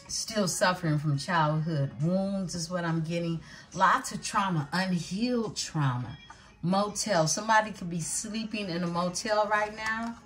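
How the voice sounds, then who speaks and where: A woman giving a tarot reading, calling out names and signs in an unhurried way and calling her viewers beautiful ones. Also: on the low side. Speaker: tarot reader.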